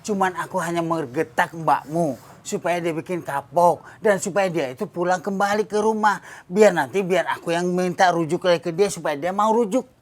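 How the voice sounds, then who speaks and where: An actor plays a jealous estranged husband in a televised crime reenactment. His slightly high voice stays defensive and placating as he tries to talk his way out. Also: fairly even intonation, moderate pace, close to an everyday voice.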